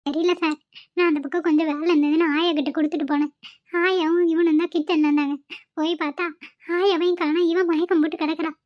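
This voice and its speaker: A woman's voice: very high-pitched, level tone, fast, no room sound. A woman voicing an anxious young female carer who speaks urgently in a cartoon. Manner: urgent and pleading. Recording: dull, dry home recording.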